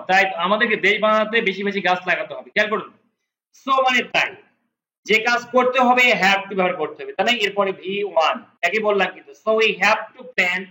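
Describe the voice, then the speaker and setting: Male English tutor, high bright voice, slow repeated phrases, roomy echo. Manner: explains slowly, repeating English words and translating each. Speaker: English teacher. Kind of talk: spoken English lesson. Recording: echoey room.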